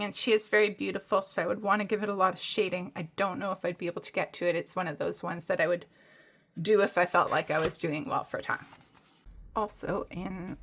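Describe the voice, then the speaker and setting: Woman, casual vlogger, chatty and rambling, mid-pitched voice. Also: fairly bright tone, slight background noise. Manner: chatty, rambling, many fillers and restarts. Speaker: coloring hobby vlogger. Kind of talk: casual show-and-tell chat.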